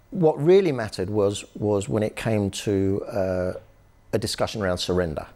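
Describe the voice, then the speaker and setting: A man with a fairly low voice recounts historical episodes in a conversational interview. He tells the stories with energy, often pausing on fillers and restarting his sentences. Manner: lively storytelling with frequent fillers and restarts. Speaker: author and human rights activist, guest.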